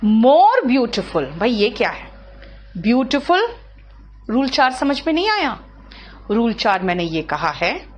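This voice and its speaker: Female teacher, high lively voice, slow deliberate classroom delivery. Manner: explains slowly, drawing out words syllable by syllable; asks students questions, checks understanding. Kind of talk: classroom grammar lesson.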